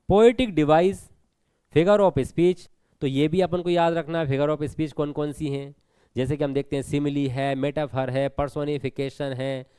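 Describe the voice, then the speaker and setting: Male teacher with a Hindi accent, higher-pitched voice and smooth tone, takes students through exam prep patiently. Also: a little mellow, no echo. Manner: explanatory, repeats points, asks students questions.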